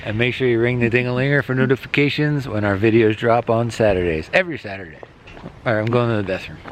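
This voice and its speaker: A man's voice: mid-range voice, quick pace, rough recording. A man co-hosting a casual travel vlog outdoors, jokey and easygoing, talking into a handheld camera. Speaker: vlog co-host. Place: outdoors at a wildlife preserve. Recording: outdoor wind noise on mic.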